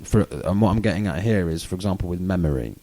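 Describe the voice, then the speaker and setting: A man's voice: low-pitched, expressive, fast, dark tone. A British man with a chavvy accent, chatting casually and informally as a co-host explaining things, in a rambling way. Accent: British, self-described chavvy. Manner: informal and rambling, many "you know"s. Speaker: podcast co-host. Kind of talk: casual educational chat.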